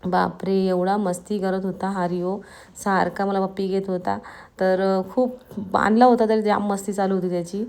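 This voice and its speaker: Hoarse, creaky woman vlogger, voice giving out. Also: medium pitch, little pitch movement, moderate pace, a little mellow. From Maharashtra, India. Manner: chatty, addresses viewers directly. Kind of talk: casual vlog narration.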